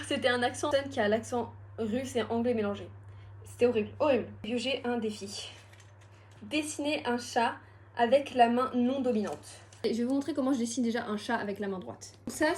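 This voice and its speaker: A young woman chatting casually at home through a challenge vlog, self-mocking and quick to laugh. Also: a little high. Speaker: vlogger.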